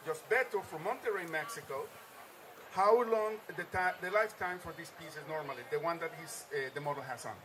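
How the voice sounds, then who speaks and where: A high-voiced man hosts a live stream at a trade show, upbeat and quick to repeat what his guests say. The noise of a busy expo floor stays loud behind him. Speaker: livestream host.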